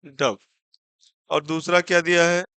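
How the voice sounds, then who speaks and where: A man's voice: high voice, steady tone, sharp tone, smooth, no echo. A man teaching an exam-prep English vocabulary lesson, mixing Hindi with English terms, asking his own questions and spelling words out letter by letter. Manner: spells words out letter by letter and slows right down on example sentences.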